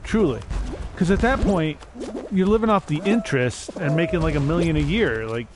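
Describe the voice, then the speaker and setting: Animated and fairly high-pitched, a young man talks at normal speed over background noise while streaming a game on a desk mic. His casual chatter rambles and turns self-mocking, with the odd spontaneous silly song.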